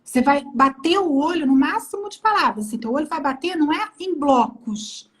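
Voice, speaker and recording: A woman with a Brazilian Portuguese accent, a teacher hosting a casual live chat and telling quick, chatty stories. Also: sits high, lively intonation. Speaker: Portuguese teacher and channel host.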